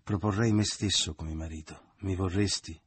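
A man reading an audiobook, voicing a calm, smug middle-aged seducer who speaks in a self-satisfied, quietly insistent way. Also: low-pitched, moderate pace, a little hiss or hum, lightly acted.

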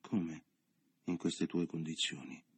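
A man voicing a guarded, disillusioned young woman in an audiobook, quiet and thin-voiced. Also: deep voice, flat delivery, takes it slowly, breathy edge, dry recording, full character voice. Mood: wary. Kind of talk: audiobook character reading.

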